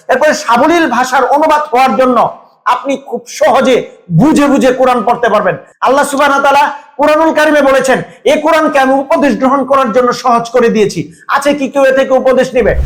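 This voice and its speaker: A man giving a sales pitch, explaining each point step by step and repeating himself. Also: a bit bright, rough recording. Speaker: seller.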